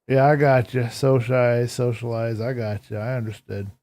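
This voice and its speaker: A hoarse-voiced man chats easily with viewers while gaming on a live stream, reading out chat and replying in a laid-back, thoughtful way. His pitch is medium and his speed normal.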